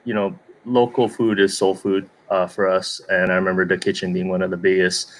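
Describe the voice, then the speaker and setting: An easygoing man from Hawaii shares memories in a casual chat, with a very deep voice. He fills his talk with relaxed asides. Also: a little fast. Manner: easygoing, chatty with "you know".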